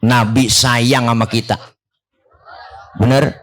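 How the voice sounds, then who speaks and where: A man's voice: mid-range voice, flat delivery, slow, a bit bright. A middle-aged man speaks with a Betawi accent in a mid-range voice. He preaches in a joking way, teasing the listeners in easy street speech. He is at a neighborhood religious gathering. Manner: joking, teasing the crowd, colloquial. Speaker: Islamic preacher. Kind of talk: comedic sermon. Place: Prophet's birthday gathering in a village neighborhood.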